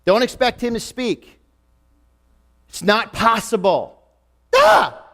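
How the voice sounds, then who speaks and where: A man in his forties with a New York accent delivers an emphatic, repetitive motivational talk to a live audience in an event room. His voice is very high and fairly bright, and he speaks slowly while his pitch swoops wildly.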